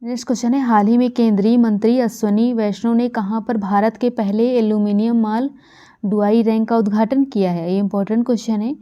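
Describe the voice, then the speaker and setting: A woman from India teaches a current affairs lesson for exam students, repeating each key fact and pausing on fillers. Her voice sits a little high and sounds very dark and mellow. The recording is muffled and lo-fi. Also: steady tone. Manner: repetitive, drilling key facts with frequent fillers. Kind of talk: exam-prep lecture. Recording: dull lo-fi recording.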